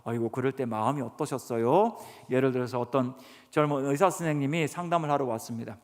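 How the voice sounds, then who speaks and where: A man's voice: mid-range voice, a little mellow. A man giving an earnest sermon lecture to a church congregation, often putting questions to the listeners. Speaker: guest speaker professor. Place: church sanctuary. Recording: reverberant church hall.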